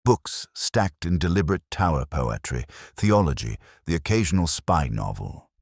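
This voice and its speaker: A man plays a world-weary ageing inspector narrating his case in first person for a scripted detective audio drama, his voice extremely low, gravelly and slightly rough. Heavily acted, the brooding delivery is literary, measured and melancholy, with expressive rises and falls. The sound is dry, close and echo-free.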